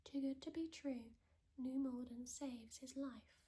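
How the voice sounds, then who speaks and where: Soft whispered role-play, woman as librarian. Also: sits high, measured pace. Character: gentle, helpful librarian recommending books. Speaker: ASMR creator playing a librarian.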